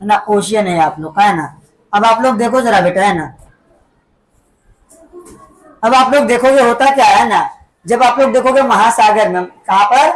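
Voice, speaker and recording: A woman's voice: medium pitch, normal speed, long pauses. A woman teaching a school class, explaining step by step and constantly asking pupils to repeat key words back, tagging her sentences with little check-ins. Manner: keeps quizzing the class with repeat-back questions; tags sentences with "है ना" and "ठीक है बेटा". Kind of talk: classroom lesson.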